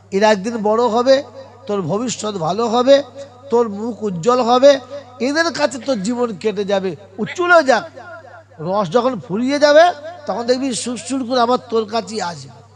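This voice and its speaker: A man voicing a poor village father who gently pleads with his daughter in a soft, low, coaxing voice. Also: lightly acted.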